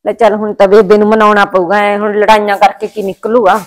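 An actress playing a quick-tongued village wife and daughter-in-law in a family drama, speaking in a rapid, complaining, chatty way. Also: female voice, medium pitch, flat delivery, no room sound, natural voice.

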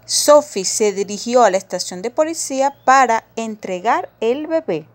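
A woman narrating a toy-game story in a gentle storytelling tone. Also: a little high, expressive, moderate pace. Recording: loud background music.

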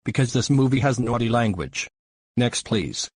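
Cinema clerk played by a man: mid-pitched, formal, officious cartoon role, dry sound. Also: moderate pace, no room sound, lightly acted. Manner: formal, by-the-book.

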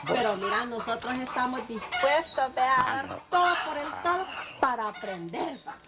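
A woman's voice: sits high, lively intonation, moderate pace. Woman doing a naive young student. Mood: earnest. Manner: naive, earnest.

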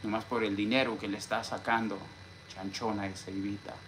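A man's voice: on the low side, flat delivery, a little fast, fairly bright tone, a little hiss or hum. Boastful Mexican man ranting on a live stream. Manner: boastful, repeats "hombre" constantly; greets chat viewers mid-rant. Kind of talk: casual live-stream rant.

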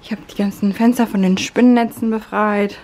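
A woman's voice: medium pitch, fairly even intonation, brisk, mellow, a little hiss or hum. Chatty woman telling stories in her vlog. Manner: chatty storytelling, acting out dialogue with "ich so, sie so". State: exhausted from cleaning in the heat. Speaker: vlogger. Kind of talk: casual vlog chat. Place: home, then garden outdoors.

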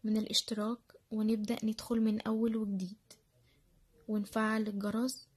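Her voice runs on the high side with little pitch movement, fairly quick, with a darkish and slightly rough tone. She's a language learner with an Egyptian Arabic accent, showing viewers how she studies through a relaxed screen share. Her talk is chatty, loaded with fillers and repeated phrases.

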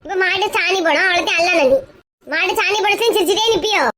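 A woman's voice: very high-pitched, fairly quick, fairly bright tone. A woman voicing a whining, complaining elder sister with a Kanyakumari accent, in a noisy recording. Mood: cheeky. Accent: Kanyakumari Tamil. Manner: whiny, complaining.

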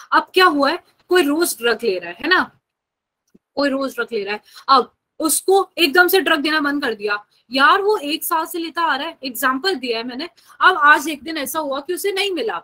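A young Indian woman teaching biology in an online class, chatting through explanations and slowly dictating English definitions word by word. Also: sits high, sharp tone, poor audio.

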